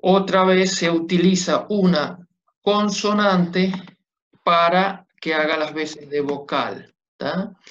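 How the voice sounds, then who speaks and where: A man's voice: high voice, slow, a bit bright. A man teaching Biblical Hebrew in a class, patiently checking understanding with short tag questions. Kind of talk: classroom lecture at a whiteboard. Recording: dull lo-fi classroom recording.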